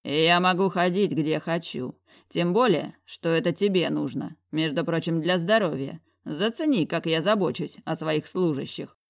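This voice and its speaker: A woman's voice: sits low, normal speed, gravelly, few pauses. Woman voicing a brash, mocking boss man. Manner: teasing, bossy, coarse. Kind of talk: audiobook character voicing.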